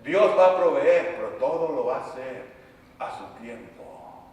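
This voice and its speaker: A man preaching a sermon as pastor, impassioned, swinging between quiet pleading and shouting. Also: medium pitch, expressive, a little slow. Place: church sanctuary. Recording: echoey church hall from far off.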